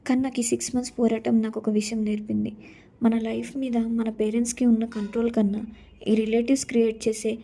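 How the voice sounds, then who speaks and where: A woman's voice: fairly high pitch, warm tone. A young woman narrating her own story in the first person, earnest and sorrowful.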